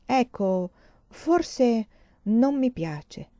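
A calm young farmer speaks slowly and thoughtfully, as a woman reads his lines. The tone is mellow and dark, recorded dry and close. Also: fairly high pitch, no room sound, dull audio, voice pushed up, full character voice. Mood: reflective. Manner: calm, reflective.

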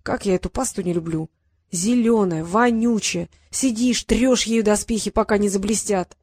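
A woman's voice: fairly high pitch, lively intonation, fairly quick, a little mellow, dry recording. An eager, hot-headed young squire in a storybook, as a woman reader puts him on. The sound is close and dry.

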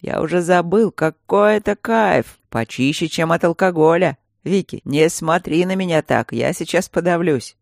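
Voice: mid-range voice, normal speed, gravelly, hardly any pauses, no room sound, studio quality, lightly acted. An audiobook reader voicing a cheerful, teasing, protective adult male baron. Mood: exuberant.

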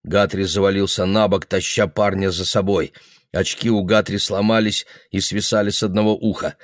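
A man reading a novel aloud in a steady, even narration. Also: low voice, normal speed, dry recording, studio quality. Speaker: audiobook reader. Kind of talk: literary narration.

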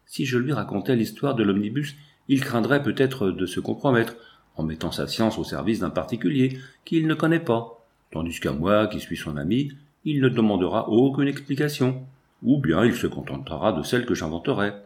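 A man voicing a shrewd, persuasive man in an audiobook, speaking in a measured, calculating way. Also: fairly low pitch, big pitch swings, darkish tone.

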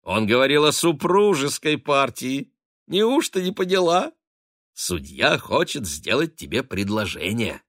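A man's voice: medium pitch, very animated, measured pace, a bit bright, dry recording, clean studio sound, voice pushed up. A man voicing a gushing, teasing middle-aged lady of the house who fusses over her ward. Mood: excited gushing. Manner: effusive, fussy, teasing.

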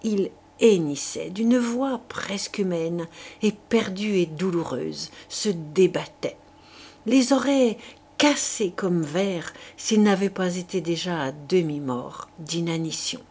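A woman reading a classic novel aloud as an audiobook, measured and deliberate. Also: lowish voice, mellow, slightly rough. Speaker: audiobook reader. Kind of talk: literary audiobook narration.

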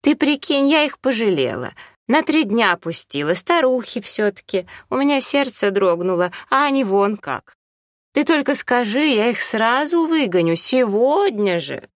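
A woman voicing a loud, indignant housekeeper who wails in complaint. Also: mid-range voice, sing-song, moderate pace, hardly any pauses, dry recording, studio quality, voice pushed up, natural voice. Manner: wailing, indignant.

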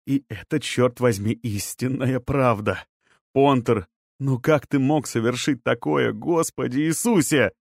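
Audiobook: male reader as a distraught, sharp-tongued woman, raised voice, dry booth sound. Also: medium pitch, a little slow, gravelly, no echo. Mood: furious. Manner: sharp, furious, breaking off. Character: angry distraught grown woman.

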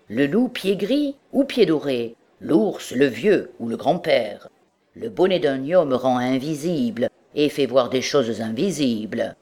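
A sour, sharp-voiced old man lectures his band in an instructing tone, as a woman reads him. The reading stays close to plain audiobook narration. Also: sits low, exaggerated voice.

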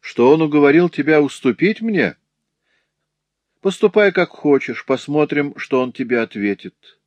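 A man's voice: fairly high pitch, expressive, a little slow, dry recording, dull audio, pitched above the performer's own voice. A lecherous male master taunts and threatens in a raised, mocking tone, as a male reader puts him on. The voice is sly and sneering, and the recording is close and dry with no room sound. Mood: sneering menace.

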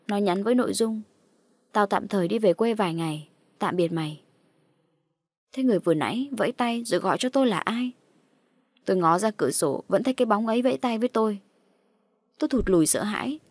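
A woman's voice: medium pitch, darkish tone, husky, dry recording, clean studio sound. Woman narrating a dramatic horror story. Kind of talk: first-person horror audiobook narration.

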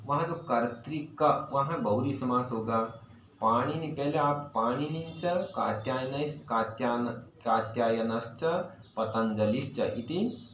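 A man teaching Sanskrit grammar to a class, explaining patiently, asking his students questions and reciting verses slowly. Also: mid-range voice, a bit bright, a little hiss or hum. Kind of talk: classroom lecture. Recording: echoey, dull lo-fi room recording.

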